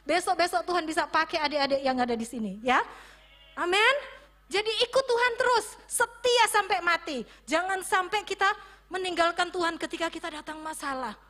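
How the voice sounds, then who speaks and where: A woman teaching a children's church service, telling a Bible story in an animated way and asking the children questions. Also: very high-pitched. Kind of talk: sermon for children.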